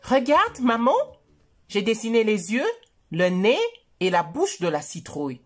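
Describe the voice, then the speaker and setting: A woman voicing a small, eager boy penguin in a children's storybook, with a high childlike voice that turns pleading or excited. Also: unhurried, soft background music.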